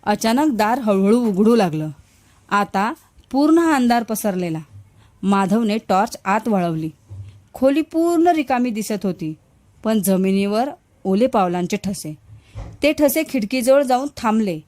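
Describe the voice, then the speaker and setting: A woman storyteller narrating a family ghost story at a measured, dramatic pace. Her voice sits in a middle range. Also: medium pitch, expressive, a little mellow.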